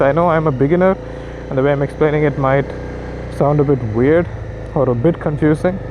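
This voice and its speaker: A man's voice: mid-range voice, mellow. A man talking casually and informally as he explains things step by step in an instructional motovlog, thinking aloud as he goes, recorded outdoors on a motorcycle. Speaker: motovlogger, learner rider giving tips. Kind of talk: casual instructional vlog talk while riding. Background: motorcycle engine and traffic sounds, music.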